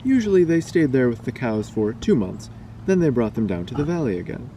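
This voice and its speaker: With a medium-pitched, warm, sing-song delivery, a storyteller and vlogger briskly reads out a scary story. The recording is noisy and the mic sits at a distance.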